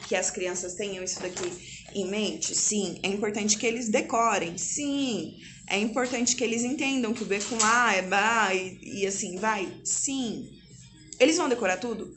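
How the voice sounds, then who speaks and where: A woman's voice: mid-range voice, a bit bright, a little hiss or hum. A woman from Brazil giving casual parenting tips to her phone camera at home, chatty, asking and answering her own questions. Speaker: parenting vlogger. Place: home, indoors.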